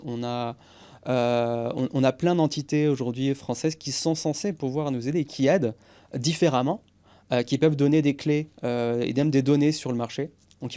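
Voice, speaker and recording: A man's voice: mid-range voice, warm tone, clear, resonant tone. A man in his forties, a guest on a podcast interview, explaining go-to-market strategy with energy and English business jargon.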